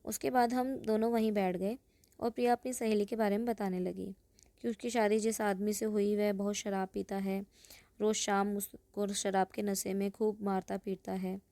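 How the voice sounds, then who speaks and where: A woman narrating an emotional first-person story in a plain, even storytelling manner. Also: mid-range voice, moderate pace, no room sound.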